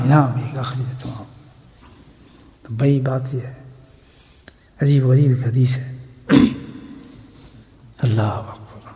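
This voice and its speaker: A man preaching a sermon at a remembrance gathering, firing rhetorical questions and swinging from loud emphasis to hushed asides. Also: a little high, dull audio. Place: gathering hall. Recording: echoey hall with long reverb.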